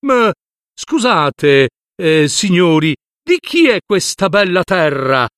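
A man's voice: sits high, very animated, slow pace, fairly bright tone, clean tone, no room sound, studio quality, exaggerated voice. A man voicing a good-natured old king from a fairy tale, asking polite, curious questions. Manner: polite and inquisitive.

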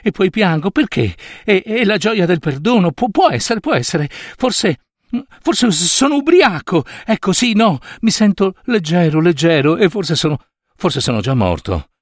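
A man voicing an elderly miser, giddy with joy and remorse, stammering and excitable. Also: medium pitch, moderate pace, few pauses, no echo, clean studio sound. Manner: excitable, stammering, shouting then weeping.

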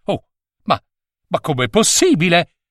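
A man's voice: a little high, huge pitch swings, measured pace, a bit bright, dry recording, clean studio sound, pitched above the performer's own voice, full character voice. A man doing a proud, indignant king. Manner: protesting, indignant. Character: proud, stubborn male king.

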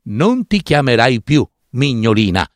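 A man voicing a small, crowned male flower spirit in a fairy tale, speaking gently and ceremoniously. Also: mid-range voice, sing-song, unhurried, no echo, studio quality. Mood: gracious.

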